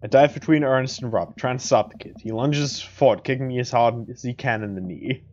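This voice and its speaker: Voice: mid-range voice, fairly quick, a little mellow. A game player casually reading a visual novel's narration aloud. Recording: dull lo-fi audio with music behind.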